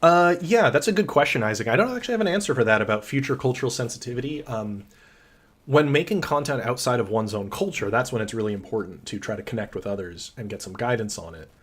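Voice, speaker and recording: A man who designs tabletop games, chatting casually through a livestream Q&A with frequent ums and a relaxed, rambling manner. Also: mid-range voice, quick pace, breathy edge. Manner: enthusiastic about his characters.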